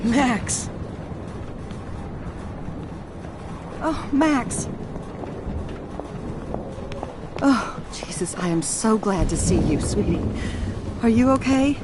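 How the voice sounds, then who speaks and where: A woman's voice: lively intonation, normal speed, natural voice. A woman playing a motherly, no-nonsense middle-aged woman in a video game. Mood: relieved, worried. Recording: loud rumbling storm noise behind.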